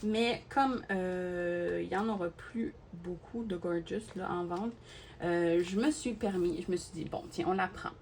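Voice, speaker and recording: A woman's voice: on the low side, a little slow. A woman, a crafting YouTuber, chatting casually to her viewers while unboxing and gushing with many fillers and repeated words. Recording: steady background noise with clicks.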